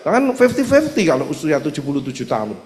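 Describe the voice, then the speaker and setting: A man with an East Javanese accent, a doctor giving an animated religious health seminar talk, acting out dialogues. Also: fairly high pitch, fast talker. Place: seminar hall. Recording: echoey hall reverb.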